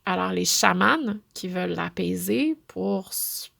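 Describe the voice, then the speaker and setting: A woman with a Québécois French accent hosting a podcast, talking in a chatty, expressive way with many fillers and restarts. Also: on the low side, slow pace, gravelly. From Quebec. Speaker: podcast host. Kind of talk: casual spoken monologue.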